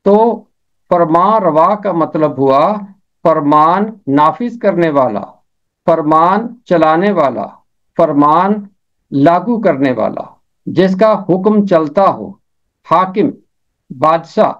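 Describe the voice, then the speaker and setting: A man teaching pronunciation, repeating each word slowly and carefully. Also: fairly high pitch, lively intonation. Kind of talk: slow deliberate pronunciation lesson. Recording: dull lo-fi recording.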